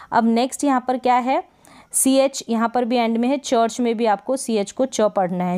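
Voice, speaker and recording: A woman teacher walks through a phonics lesson, reading word lists slowly and repeating each one. Her voice is smooth and resonant, pitched a little high. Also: darkish tone. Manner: slow, repetitive word-by-word drilling. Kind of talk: English phonics lesson in Hindi.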